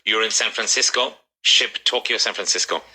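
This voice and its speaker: Bright-voiced man teaching English. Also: fairly low pitch, slightly rough, rough recording. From Ireland. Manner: brisk, corrective, encouraging. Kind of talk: classroom drilling.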